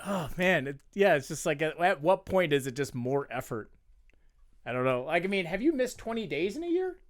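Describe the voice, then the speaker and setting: A man's voice: on the high side, sing-song, fairly quick, no echo, studio quality. A man co-hosting a podcast in casual chat, rambling with lots of fillers and laughing often. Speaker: podcast co-host.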